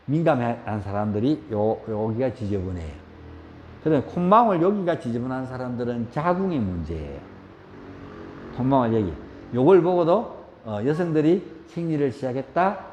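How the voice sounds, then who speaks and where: A man with a Gyeongsang Korean accent teaching a yoga class, asking questions and acting out shouts. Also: medium pitch, moderate pace, a little hiss or hum. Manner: lively, asks the class questions, acts out shouts. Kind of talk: spoken yoga lecture. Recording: roomy hall echo.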